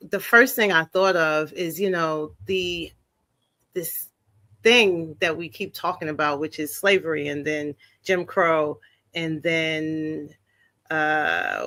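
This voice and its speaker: Female panel guest, bright forceful voice, dry close sound, emphatic delivery. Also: low voice, no room sound. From Queens, New York. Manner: emphatic, punctuates points with "right?" and "okay?". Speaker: guest speaker. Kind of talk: impassioned panel talk.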